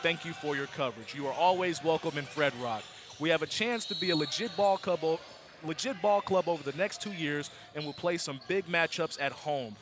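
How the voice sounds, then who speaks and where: A man's voice: on the high side, fairly quick, background noise. A nineteen-year-old man calling a summer basketball game as play-by-play announcer, casual and leaning on "absolutely". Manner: casual, repeats "absolutely", filler-heavy. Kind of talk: sports commentary. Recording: gym ambience with ball bouncing.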